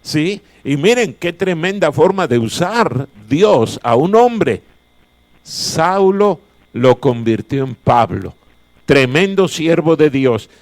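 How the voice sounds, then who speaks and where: A man's voice: on the high side, very animated, takes it slowly, darkish tone, dry recording. A male pastor preaching a chapel sermon, emphatic and repeating his key phrases. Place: chapel of a Bible college.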